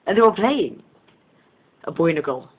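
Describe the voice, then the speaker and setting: Speaking in a relaxed spiritual monologue, this motivational channel host, a native Southern Sesotho speaker, comes through with a thin, phone-like quality. The voice is mid-range and breathy, swinging widely in pitch at a moderate pace. Gentle and earnest, the host wanders from point to point and laughs frequently.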